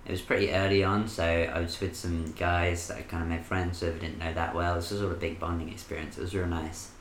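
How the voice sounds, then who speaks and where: A man's voice: low voice, little pitch movement, fairly quick, reverberant, a little hiss or hum. A young man telling a story in casual podcast chat, in a dry, laid-back way. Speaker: podcast co-host.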